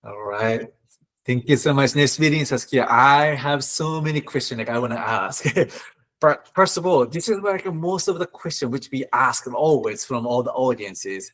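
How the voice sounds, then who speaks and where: Guy cohost, eager, kinda husky voice, loose phrasing. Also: mid-range voice, animated, normal speed, fairly bright tone, poor audio. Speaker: co-host, recruiter. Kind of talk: casual interview talk.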